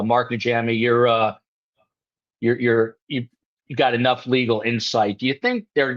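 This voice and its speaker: A man hosting a live show, talking casually and rambling with lots of ums and you-knows over a video call. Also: on the low side. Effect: video call audio. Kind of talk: casual panel chat on a live stream. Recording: dull lo-fi video call line.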